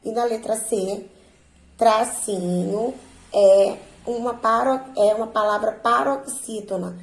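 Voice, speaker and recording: Patient woman teacher, creaky voice. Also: mid-range voice, darkish tone, roomy sound, rough recording. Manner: slow, patient, stresses syllables by drawing words out. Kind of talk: remote lesson walking students through exercises.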